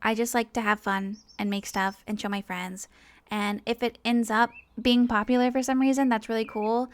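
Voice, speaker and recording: Speaking at normal speed with fairly even intonation, a woman with a high-leaning voice is heard with no room sound. She is an online animator and video creator giving a rambling, casual, earnest personal monologue, often pausing and breaking off mid-thought.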